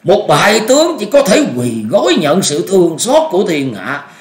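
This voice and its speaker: A man voicing a bitter old male martial master who rages and gloats in a shrill, cackling voice. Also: huge pitch swings, slow pace. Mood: raging. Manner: raging, gloating laughter. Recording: echoey room.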